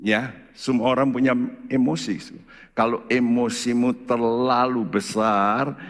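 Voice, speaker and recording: Pastor guy preaching, slow and drawn out, lots of pitch jumps, big echoey church. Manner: animated preaching with sudden pitch jumps and rhetorical questions. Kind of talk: sermon. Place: church hall. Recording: church hall reverb.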